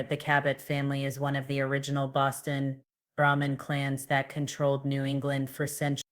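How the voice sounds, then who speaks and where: A woman giving casual, sarcastic gossip commentary and reading news quotes aloud. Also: rumbling low. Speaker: commentary vlogger.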